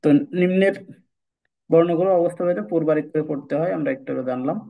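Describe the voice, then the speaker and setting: A man's voice: on the high side, vocal fry, phone-quality sound. Patient man teaching Quran recitation. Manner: patient, repeats key points, chants Arabic examples slowly. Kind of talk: informal recitation lesson.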